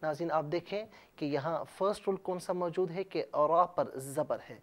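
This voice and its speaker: A man hosting a TV lesson on Quran recitation, explaining rules carefully and drawing out words letter by letter. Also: fairly high pitch. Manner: measured teaching, drawn-out letter-by-letter recitation. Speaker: TV Quran teacher and host.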